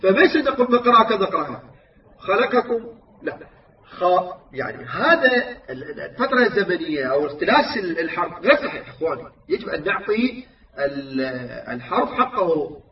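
A man teaching Quran recitation rules, explaining mistakes and slowly chanting the correct examples. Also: high-pitched, sing-song. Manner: explains errors then models recitation, drawn-out chanted examples. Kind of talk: tajweed lesson with recited examples. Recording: echoey, distant, muffled recording.

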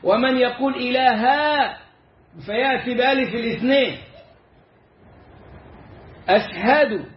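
Egyptian male teacher, explanatory, stretches out example words; high voice in a roomy space. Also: measured pace, long pauses, slight background noise. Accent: Egyptian Arabic. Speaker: Islamic teacher. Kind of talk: lecture on Quran recitation rules. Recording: echoey, slightly dull room recording.

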